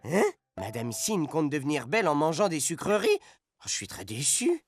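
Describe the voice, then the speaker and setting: A man playing an excitable male puppet presenter in a children's educational show, talking in a dramatic, exclamatory way. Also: fairly high pitch, normal speed, husky, faint music behind, exaggerated voice. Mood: teasing. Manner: exclamatory, sing-song, dramatic.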